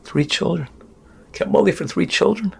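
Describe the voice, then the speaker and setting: A man doing a kindly synagogue official asking gently. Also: high voice, normal speed, gravelly, breathy edge, pitched above the performer's own voice, exaggerated voice. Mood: coaxing. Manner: gently coaxing questions.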